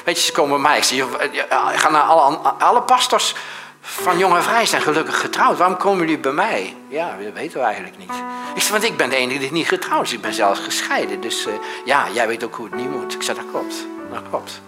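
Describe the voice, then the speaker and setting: A middle-aged male pastor preaching a sermon, telling lively anecdotes and swinging from loud and animated to soft and hushed. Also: medium pitch, brisk, over music.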